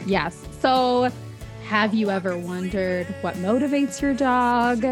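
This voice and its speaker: A woman's voice: fairly high pitch, takes it slowly, over music. A woman co-hosting a podcast on a radio station, chatting in a lighthearted, casual way. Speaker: podcast co-host. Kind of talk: casual chat. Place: radio studio.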